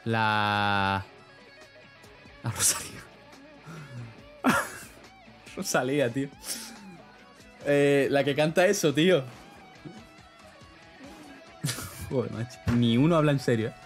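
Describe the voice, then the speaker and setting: Young male streamer, loose rambling chat to viewers, medium pitch, soft music bed. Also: slow, pauses often. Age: young adult. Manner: rambling, slangy, laughs often. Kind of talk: casual chat reading live chat.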